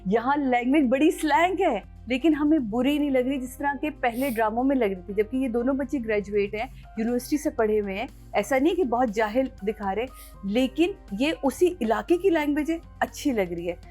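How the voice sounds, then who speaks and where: High-voiced enthusiastic woman panelist. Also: brisk, faint music behind. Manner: lively and enthusiastic, laughs while telling. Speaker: drama review panelist. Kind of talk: casual panel chat.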